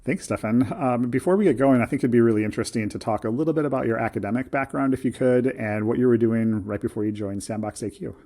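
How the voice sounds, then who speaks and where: A man co-hosting a science podcast, talking in a relaxed and chatty way. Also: mid-range voice, quick pace, hardly any pauses. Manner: relaxed and chatty, casual phrasing. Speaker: podcast co-host.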